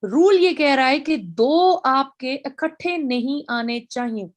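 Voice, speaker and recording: A woman's voice: sits high, lively intonation, takes it slowly. A woman with a Pakistani accent giving a grammar lecture, explaining step by step and spelling out English example sentences. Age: middle-aged.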